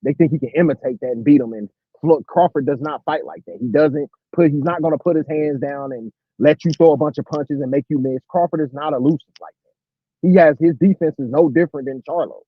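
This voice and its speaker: A man's voice: on the high side, brisk, slightly rough, no echo. A man calling in to a casual sports debate over choppy, breaking-up call audio, rambling and leaning on fillers. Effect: breaking-up online call audio. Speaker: panelist calling in. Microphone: remote call mic. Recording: muffled, dry call line.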